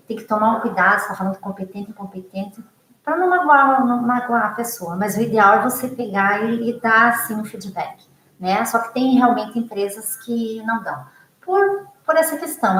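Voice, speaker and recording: A woman's voice: medium pitch, roomy sound, slight background noise, poor audio. A Brazilian woman psychologist in casual talk, answering her students' questions, often tagging "né?" onto her sentences. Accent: Brazilian Portuguese. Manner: warm, conversational, many "né?" tag questions. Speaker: psychologist and teacher.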